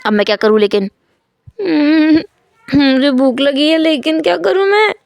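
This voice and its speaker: A woman voicing an emotional, pouty pregnant young man who talks in a higher, whiny, teary way, in a read-aloud story. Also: moderate pace, gravelly, dry recording.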